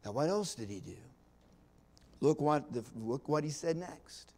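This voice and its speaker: Male pastor, slightly high voice, slow deliberate sermon, whispers that build to passionate loud peaks, folksy asides. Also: animated. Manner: swings from hushed near-whispers to loud impassioned climaxes, drawn-out pauses; folksy, with small laughs and asides. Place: church sanctuary.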